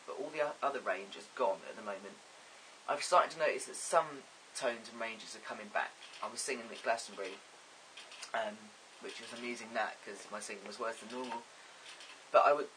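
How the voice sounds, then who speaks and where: Bright, chatty man. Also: medium pitch, a little hiss or hum, rough recording. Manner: chatty, rambling, self-amused, frequent ums. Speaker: vlogger. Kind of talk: casual to-camera vlog.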